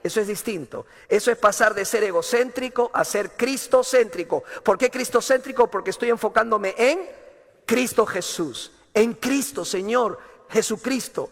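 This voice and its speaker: A man's voice: high voice, normal speed, a bit bright, big-room sound. A male pastor preaching a sermon with passion, acting out a desperate father's pleas.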